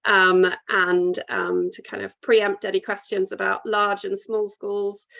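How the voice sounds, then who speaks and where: Polite, creaky-voiced British woman hosting webinar. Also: mid-range voice, little pitch movement, unhurried, sharp tone. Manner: polite, businesslike conference-call delivery. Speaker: webinar presenter. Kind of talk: online sales presentation with questions.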